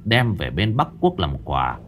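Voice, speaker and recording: A man tells a horror story in a low voice that swings widely in pitch. His delivery is dramatic and theatrical, with shifting inflection. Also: wildly swooping pitch, unhurried, narrow, tinny audio, a little hiss or hum. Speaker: narrator.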